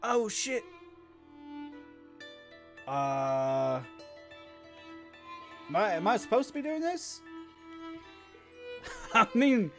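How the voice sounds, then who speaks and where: A man's voice: high-pitched, big pitch swings, extremely slow, long pauses. A man giving casual let's-play commentary, swearing freely and reading game text aloud. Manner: swears a lot, reads dialogue aloud. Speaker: gamer. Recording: game music behind.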